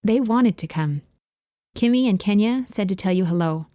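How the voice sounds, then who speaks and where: A woman's voice: medium pitch, lively intonation, moderate pace, mellow, dry recording, studio quality, pitched above the performer's own voice, close to an everyday voice. A woman voicing a kind, cheerful neighbor and mother of a big family, speaking in a lifted, friendly tone. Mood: warm, cheerful.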